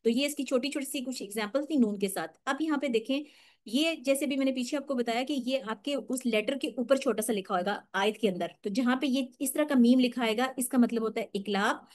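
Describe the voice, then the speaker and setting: A woman teaching tajweed in an online lesson, explaining patiently step by step and modelling slow, drawn-out recitation. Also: on the high side.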